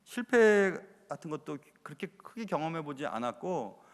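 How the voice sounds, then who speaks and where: A man's voice: fairly high pitch, big pitch swings, normal speed. A male pastor preaching a sermon in a church, conversational and confessional, asking rhetorical questions. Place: church sanctuary. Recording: reverberant church hall.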